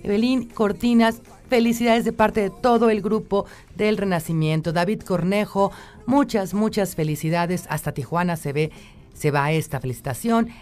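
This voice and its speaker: A woman's voice: mid-range voice, normal speed, darkish tone. A woman with a Mexican accent hosting a live radio talk show, upbeat, reading listener greetings and messages aloud. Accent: Mexican Spanish.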